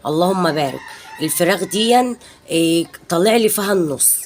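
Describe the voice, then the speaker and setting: An Egyptian-accented woman in her thirties talks quickly in a casual home vlog, with a slightly low voice. She rambles warmly from one thing to the next and sprinkles her chat with religious blessings. Faint noise sits under her voice. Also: lively intonation. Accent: Egyptian Arabic. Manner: chatty and rambling, peppered with pious blessings. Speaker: home vlogger and mother. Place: home balcony.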